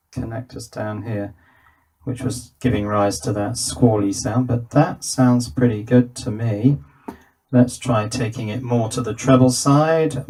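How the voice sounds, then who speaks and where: A man with a warm, medium-pitched voice hosts an electronics workshop video, chatting casually as he demonstrates by hand and often asks himself little questions while thinking aloud.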